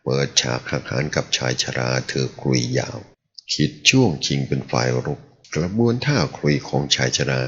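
A man reading a translated martial-arts novel aloud as the serial's narrator, telling it in an animated way. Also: very deep voice, moderate pace, slight background noise. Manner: animated storytelling. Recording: dull lo-fi audio.

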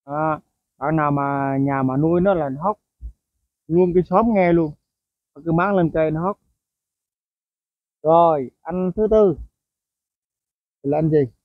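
A slightly high male voice at a measured pace, pausing often, delivers casual songbird explanations for a bird-keeping video. He's chatty and filler-heavy, frequently speaking to viewers, with asides along the way; the sound is dry, tinny and phone-like.

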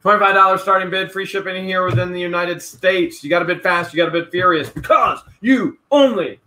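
In a small indoor room with a wall of hats behind him, a man in his thirties runs a casual live-stream auction of storage-unit finds. His voice is high, brisk, pushed and bright, and he chats away, hypes the bids and repeats numbers as he goes. The recording is low quality, with a little hiss or hum.

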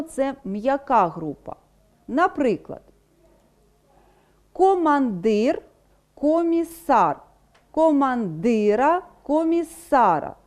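Woman teacher, recorded lesson, fairly high voice, very animated intonation, stresses example words. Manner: storytelling teacher tone, personifying grammar.

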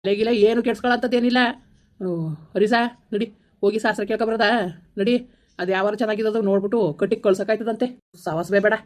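A woman's voice: mid-range voice, steady tone, a little mellow, lightly acted. A woman playing a furious village father. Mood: curt. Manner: harsh, scolding, rapid outbursts. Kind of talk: village comedy skit acting.

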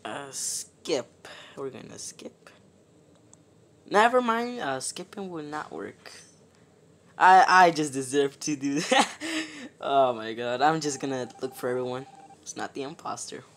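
A gaming YouTuber giving excitable, exclaiming commentary over gameplay, talking straight to viewers. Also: medium pitch, moderate pace.

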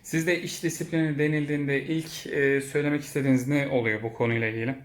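Chatty man hosting a flat-toned workshop tour. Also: mid-range voice, fast. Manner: chatty, with frequent hesitation fillers. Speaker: host touring a car repair shop. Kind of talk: casual vlog interview. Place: car repair workshop.

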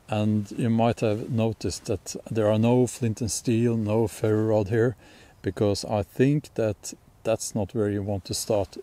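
Norwegian guy in the woods talking gear, slow easy pace, mellow low voice, lots of ums. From Norway. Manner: relaxed, rambling, many ums and restarts. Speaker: bushcraft channel host. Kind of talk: casual outdoor gear talk. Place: outdoors in a sunny forest clearing.

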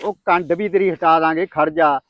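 Man acting a high-voiced, taunting farmer. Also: steady tone, normal speed, dry recording, dull audio, lightly acted. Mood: coaxing. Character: cocky, teasing, scheming male village farmer. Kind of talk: Punjabi rural comedy skit acting.

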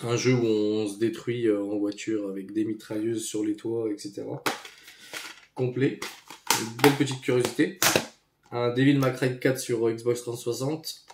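Brief: easygoing male collector, hesitant casual delivery, mid-pitched, roomy echo with faint hiss. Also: moderate pace. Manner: relaxed, hesitant, many fillers. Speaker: retro game collector YouTuber. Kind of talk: casual show-and-tell commentary. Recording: echoey room, faint noise.

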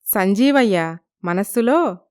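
Woman with a clear storytelling voice. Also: medium pitch, animated, slow. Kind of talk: storybook narration.

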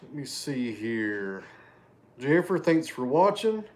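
In a sing-song, medium-pitched voice, a man takes his time as he hosts a casual livestream indoors from his living room. Reading super chats, he chats with viewers and thanks them by name, though he sometimes loses his train of thought.

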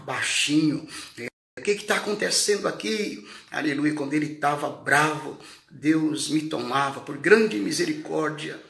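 A man's voice: medium pitch, gravelly, reverberant. A Brazilian man preaching a fervent testimony sermon, his voice rising when he retells what people said. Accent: Brazilian Portuguese. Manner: fervent, rising to shouts in retold dialogue.

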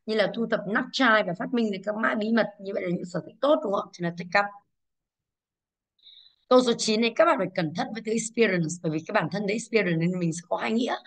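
A young woman teaching English to a class, going briskly through exam answers and asking the students over and over whether they follow. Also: medium pitch. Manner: brisk, scolding, checks understanding with rhetorical questions.

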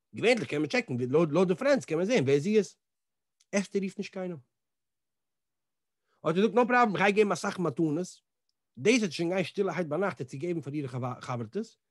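A rabbi with a high-pitched male voice leads a storytelling Torah class. He is animated, slips into the voices of the characters and drops English words into his speech. The sound is dry and close, with no room echo. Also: a little fast, pauses often. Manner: animated, acts out the dialogue in different voices.

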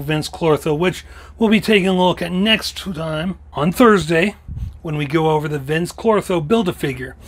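Man, slightly hoarse, higher voice, slow unhurried toy review, step-by-step show-and-tell. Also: fairly bright tone. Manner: unhurried, walks through details step by step. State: slightly losing his voice.

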